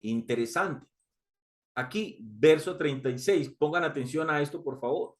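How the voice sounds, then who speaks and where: High-voiced man preaching a sermon. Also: lively intonation, unhurried. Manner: reads scripture aloud and repeats key lines for emphasis; addresses listeners as brothers.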